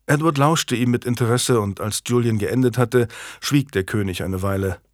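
A man narrates a historical novel as an audiobook, reading steadily and evenly. His voice sits at an ordinary male pitch, recorded dry and close with no room sound. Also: normal speed, no echo.

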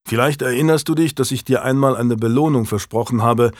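A man voicing a calm, generous medieval lord who speaks earnestly in an audiobook. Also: mid-range voice, fairly quick, no echo, clean studio sound, natural voice.

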